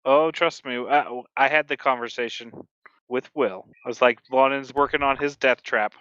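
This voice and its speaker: A woman's voice: rumbling low, fairly even intonation, moderate pace, fairly bright tone, clear, resonant tone, dull audio. A woman co-hosting a casual podcast, wry and teasing. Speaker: podcast co-host. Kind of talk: casual group chat.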